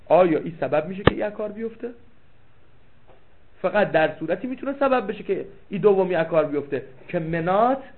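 A man teaching a seminary class, reading out Arabic text and explaining it with rhetorical questions, repeating key phrases for emphasis. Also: sits high. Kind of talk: classroom lecture. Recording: tinny lo-fi phone-like recording.

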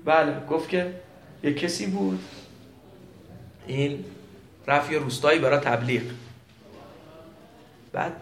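Animated male seminary teacher, echoey room. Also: on the high side. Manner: storytelling, shifting between quiet and animated. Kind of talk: seminary lecture with anecdote.

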